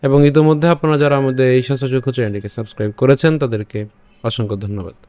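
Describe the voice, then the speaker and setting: A man teaching an online lesson, patiently breaking words down and repeating them slowly, syllable by syllable. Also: medium pitch. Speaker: Gita recitation teacher.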